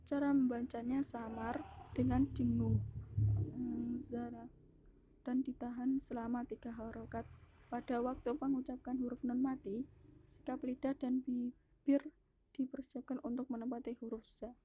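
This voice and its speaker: Young indonesian woman explaining recitation rules step by step, very dark husky voice, pretty flat delivery. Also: fairly high pitch, moderate pace. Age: young adult. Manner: careful and methodical, listing rules step by step; restarts words mid-sentence. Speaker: university student presenter. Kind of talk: class presentation on Quran recitation rules.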